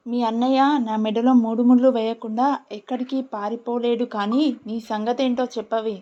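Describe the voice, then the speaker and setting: A woman's voice: fairly high pitch, little pitch movement, moderate pace, warm tone, close to an everyday voice. A woman voicing a mocking young woman who taunts another, on a dull lo-fi recording. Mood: taunting.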